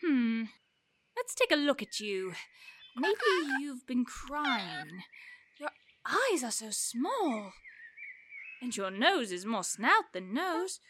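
A woman's voice: fairly high pitch, big pitch swings, takes it slowly, long pauses, fairly bright tone, slight background noise, heavily acted. An actress playing Alice, a curious and polite young girl who wonders aloud and talks to herself. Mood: tender. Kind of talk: audio drama acting.

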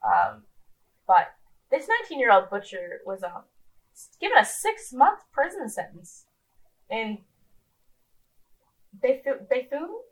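A woman's voice: on the high side, wildly swooping pitch, measured pace, long pauses, poor audio. A woman in her twenties co-hosting a podcast in casual chat, rambling with lots of ums and restarts. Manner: rambling, self-deprecating, many ums and restarts. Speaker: podcast co-host.

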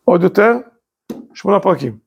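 Rabbi guy teaching torah, kinda high and husky, keeps asking questions then punching up the answer. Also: lively intonation, lo-fi sound. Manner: rhetorical questions, emphatic rising bursts. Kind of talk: lively Torah lecture.

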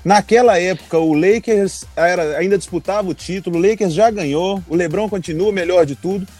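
A man's voice: high voice, a little fast, a little mellow, faint music behind. A man with a Brazilian accent chatting casually as a panellist on a sports podcast. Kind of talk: casual chat.

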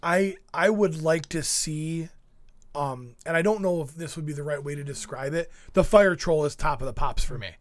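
A man's voice: on the high side, normal speed, dry recording. A man hosting a casual podcast, chatting loosely with many fillers and reading out listener questions. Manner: rambling, many fillers, laughs easily. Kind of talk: casual chat.

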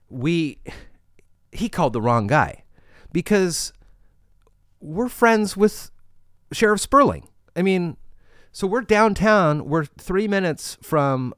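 Animated, unhurried American man telling a story. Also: fairly high pitch, no echo, studio quality. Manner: animated, re-enacts dialogue in his retelling. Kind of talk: casual spoken storytelling.

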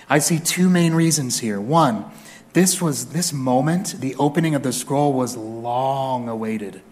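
A man preaching a sermon as a pastor in a church. He reads scripture aloud expressively and mixes in humorous, conversational asides. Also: mid-range voice.

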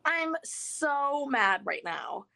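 Speaking through a phone line, this young adult woman co-hosts a podcast in casual chat, leaning heavily on "like." Her high voice is bright and forceful, with big swings in pitch, vocal fry, and an extremely slow delivery.

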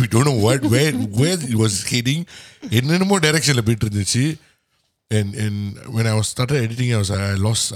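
A man co-hosting a casual podcast in a low, dry, close voice. He talks extremely fast. His storytelling is colloquial and animated, switching freely between languages. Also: no echo. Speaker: podcast co-host.

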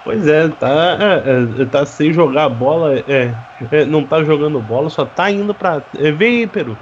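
A man analyses a football match on radio. His voice is slightly high, and he talks haltingly and bluntly, often repeating words. The sound is dull with faint noise. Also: expressive. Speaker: football pundit alongside the commentator.

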